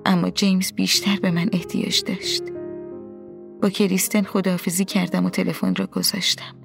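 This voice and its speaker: A woman reading a first-person story aloud in a soft, hushed, partly whispered way, with a husky voice. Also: lowish voice, little pitch movement, over music. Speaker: audiobook narrator. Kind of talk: scripted first-person narration.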